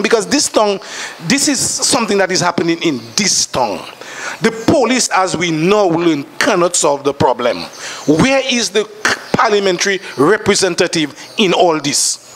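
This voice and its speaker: Dominican guy on a panel, high voice, worked up and preachy, faint outdoor noise. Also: fairly bright tone. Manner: emotional, urgent, preachy. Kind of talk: impassioned panel discussion.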